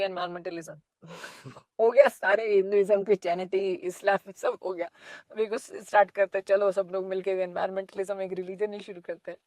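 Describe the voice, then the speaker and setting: A woman from India, an animated lake restoration activist telling stories in an interview with playful asides. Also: medium pitch, no room sound, clean studio sound. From North India. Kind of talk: conversational interview storytelling.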